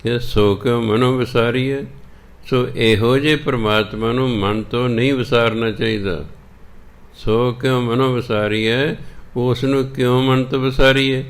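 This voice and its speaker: A man giving a slow teaching sermon, chanting scripture verses and patiently repeating words to drill their correct pronunciation. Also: mid-range voice, steady tone. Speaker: Sikh preacher teaching scripture recitation.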